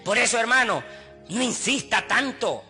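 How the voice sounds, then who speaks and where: A passionate Honduran preacher with a very high, piercing, bright voice. He drives his sermon forward and repeats pleading phrases to act them out. Faint music plays softly under his voice. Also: expressive, moderate pace. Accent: Honduran Spanish. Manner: impassioned preaching, acts out pleading voices with repetition. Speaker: pastor.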